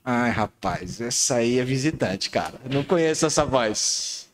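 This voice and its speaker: Animated, playful Brazilian pastor, middle-aged man. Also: mid-range voice, moderate pace. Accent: Brazilian Portuguese. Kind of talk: lively sermon with audience game.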